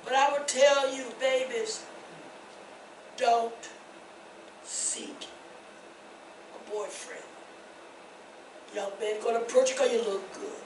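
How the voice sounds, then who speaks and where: An older woman pastor preaching a testimony sermon, rising to shouts and laughing. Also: on the high side, takes it slowly, pauses often, background noise. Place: church. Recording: echoey church from far off.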